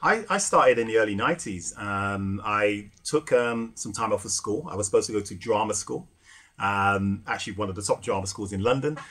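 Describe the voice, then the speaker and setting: A middle-aged man telling stories in a relaxed podcast chat, with many fillers and restarts. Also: lowish voice, normal speed. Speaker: guest, rum ambassador and former bartender. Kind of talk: casual podcast conversation.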